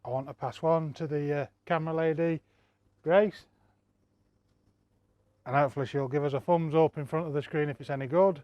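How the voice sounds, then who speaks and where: A relaxed man hosts a barbecue cooking vlog, chatting straight to his viewers. His voice sits a little high for a man. The sound is dry, with little room echo. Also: normal speed, long pauses, dull audio. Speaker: barbecue channel host. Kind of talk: casual cooking vlog talk.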